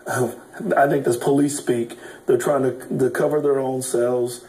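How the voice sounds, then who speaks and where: A man who is an attorney, calmly and deliberately disputing a police statement in a news interview. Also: mid-range voice, low-quality recording. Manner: deliberate, argumentative.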